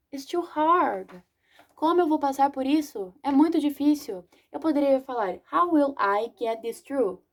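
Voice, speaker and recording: A woman's voice: fairly high pitch, mellow. Chatty young woman teaching English. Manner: chatty, slangy, self-correcting, reads English examples slowly. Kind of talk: casual video lesson.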